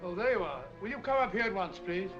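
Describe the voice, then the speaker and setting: An actor playing a bluff, good-natured doctor and sidekick in a 1940s film, with a gravelly, hearty voice. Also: male voice, high-pitched, expressive, quick pace, over music. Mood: brisk. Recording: dull lo-fi old film soundtrack.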